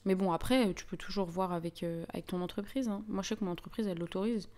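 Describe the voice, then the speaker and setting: A woman's voice: medium pitch, steady tone, fast talker, a little mellow. A woman chatting casually with viewers on a stream, talking in a loose, hesitant way with many restarts.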